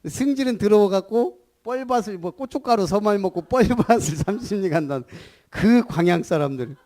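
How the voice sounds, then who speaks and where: Animated high-voiced preaching man. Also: normal speed. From Gunsan, Jeolla, South Korea. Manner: animated preaching, calls for repetition, rhetorical questions. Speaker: pastor. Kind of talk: sermon.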